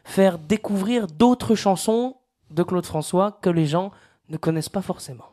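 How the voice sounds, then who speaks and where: A man, a singer guest in a radio studio, chatting casually in an interview and pausing often with fillers. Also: high voice, mellow. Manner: hesitant, many fillers.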